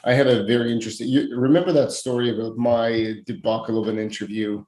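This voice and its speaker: Male podcast co-host, mid-pitched, loose rambling chat, echoey room. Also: fairly even intonation, fast, a little mellow. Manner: rambling, many restarts and fillers. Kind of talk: casual chat. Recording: roomy echo.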